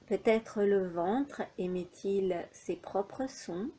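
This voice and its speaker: A woman leading a guided yoga nidra relaxation as an instructor, speaking in measured, unhurried phrases with pauses between them. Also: mid-range voice, dark tone, a little hiss or hum.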